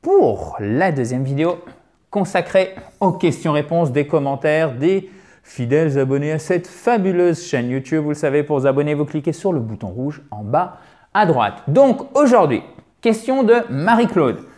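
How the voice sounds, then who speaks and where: A man teaching English pronunciation in a video lesson, lively and repeating words to drill them. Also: on the high side, moderate pace.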